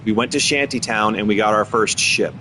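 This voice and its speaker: A man hosting a game livestream, explaining his server rules in a relaxed, chatty way. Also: on the low side, brisk, slight background noise. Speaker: game streamer and server host. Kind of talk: casual livestream commentary.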